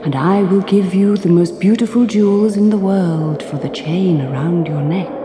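A woman voicing the north wind as a male figure who talks slowly in a drawn-out, beckoning way. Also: fairly low pitch, lightly acted. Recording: music playing behind.

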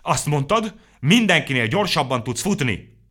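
A man voicing a loud, blustering creature who bellows and shrieks in a storybook reading. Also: fairly high pitch, big pitch swings, voice pushed up. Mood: outraged.

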